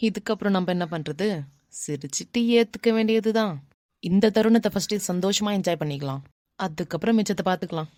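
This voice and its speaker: A woman voicing a brash, bossy but softhearted young man in a cartoon, muttering to himself and scolding, with a Kanyakumari Tamil accent. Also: mid-range voice, fairly quick, no echo, clean studio sound, natural voice. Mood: musing. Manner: mutters to himself, scolds then turns gentle. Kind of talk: animated cartoon dialogue.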